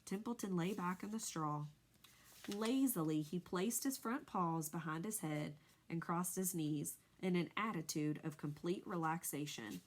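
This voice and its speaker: Expressive woman narrator for a children's storybook reading. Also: fairly low pitch, unhurried, slight background noise. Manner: expressive, shifting voices for each animal. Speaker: reader. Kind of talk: storybook read-aloud.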